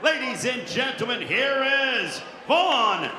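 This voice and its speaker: Booming high-pitched male boxing ring announcer. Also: very animated, takes it slowly. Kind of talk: formal ring introductions, drawn-out shouted names. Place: large indoor boxing arena. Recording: echoey arena PA with loud crowd noise.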